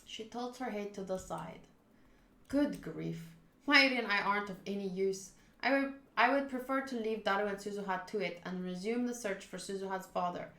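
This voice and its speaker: Over game music, a woman reads a visual novel's narration on stream and reacts casually as she goes. She speaks at a moderate pace in a mid-range, fairly bright voice, and the recording is roomy with an echo.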